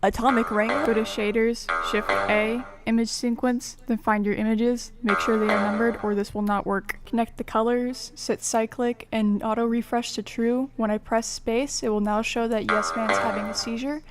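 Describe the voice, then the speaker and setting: A woman with a lisp, slushy sh for s, narrating a step-by-step software tutorial in an echoey room. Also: fairly high pitch, level tone, normal speed, few pauses, loud music behind the voice. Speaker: tutorial presenter. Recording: echoey room, faint jingling behind.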